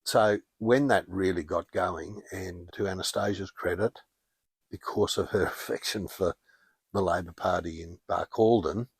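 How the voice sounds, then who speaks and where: An older Australian man telling stories in a relaxed, wry way as a podcast guest. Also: sits low, unhurried, breathy edge, dry recording. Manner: chatty, anecdotal, wry. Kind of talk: casual interview storytelling.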